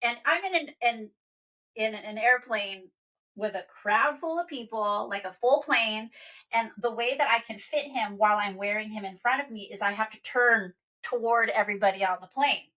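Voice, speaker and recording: A woman in her thirties, co-hosting a podcast, telling a story in an animated way. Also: on the high side, normal speed. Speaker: podcast co-host. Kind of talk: casual chat.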